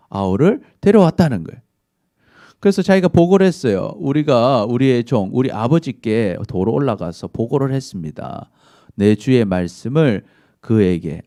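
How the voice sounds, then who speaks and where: A middle-aged man gives a sermon to a youth group, with a voice that rises and falls in a lively way. He speaks at an average pitch for a man. He keeps asking the listeners questions and then answering them, like someone telling a story. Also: dry recording, clean studio sound. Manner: retells the story in a conversational way. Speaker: youth pastor.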